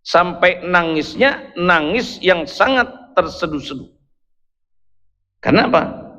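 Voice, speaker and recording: A man's voice: fairly high pitch, a bit bright. A male preacher giving a sermon, telling a story with playful asides to his listeners. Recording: dull, echoey hall recording.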